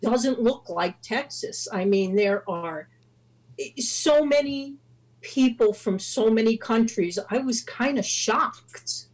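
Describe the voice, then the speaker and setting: A woman's voice: on the high side, takes it slowly, poor audio. A middle-aged woman with a Brooklyn accent chatting casually on a video call. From Brooklyn, New York. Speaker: panelist on a live video chat show. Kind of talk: casual chat. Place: room at home. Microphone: tablet on a video call.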